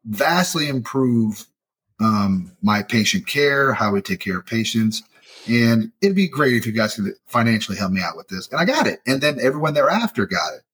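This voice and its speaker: Animated husky-voiced man telling stories. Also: medium pitch, normal speed. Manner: animated storyteller, acts out quoted dialogue. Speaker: podcast co-host. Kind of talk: casual chat.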